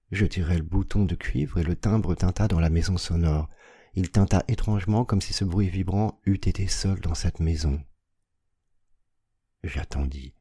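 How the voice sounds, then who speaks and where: Very deep, husky male audiobook narrator. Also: dark tone, no room sound, studio quality. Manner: measured reading, slowing on images and rising to cries at tense moments. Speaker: audiobook reader.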